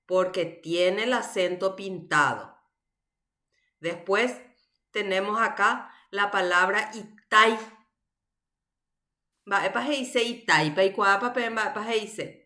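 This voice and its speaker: A woman's voice: mid-range voice, slow pace, pauses often, pushed and bright. A woman teaching a university language class online, explaining patiently and checking in with her students.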